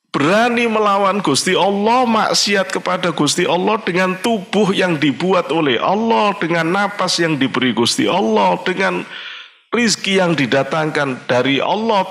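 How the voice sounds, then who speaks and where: A man with a Javanese accent, a kyai preaching an Islamic study sermon, blunt and scolding, with slow chanted Arabic recitation. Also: vocal fry, a bit bright. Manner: emphatic, scolding and blunt, often jumping high in pitch. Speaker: kyai, religious teacher.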